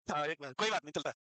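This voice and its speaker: A man lectures a classroom, teasing and scolding his students as he quizzes them. His voice sits high and rings bright and forceful. The sound is dry and close. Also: no room sound, low-quality recording. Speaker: teacher.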